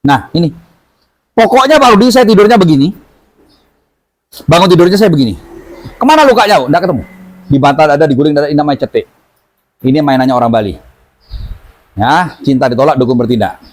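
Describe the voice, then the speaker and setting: A man teaching an audience as a healing therapy instructor, telling stories lively and acting out the voices of the people in them. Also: fairly high pitch, quick pace, long pauses, poor audio. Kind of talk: seminar talk to an audience.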